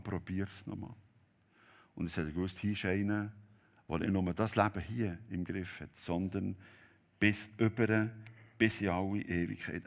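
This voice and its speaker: A man preaching a sermon, telling a Bible story dramatically and swinging between loud and hushed delivery. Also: sits low.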